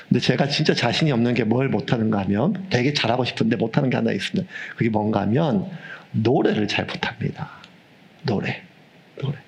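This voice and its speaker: A man in his fifties, a pastor preaching a sermon with humorous, animated storytelling. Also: mid-range voice, vocal fry. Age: 50s.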